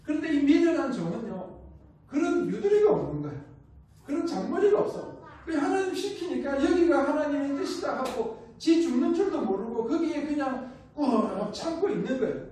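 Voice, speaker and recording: High-voiced Gyeongsang preacher in an echoey hall. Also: male voice, sing-song, normal speed, warm tone. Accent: Gyeongsang Korean. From Gyeongsang region, South Korea. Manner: storytelling with rhetorical questions and acted-out quotes. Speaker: missionary preacher. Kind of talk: sermon. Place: church sanctuary. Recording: echoey church hall, mic at a distance.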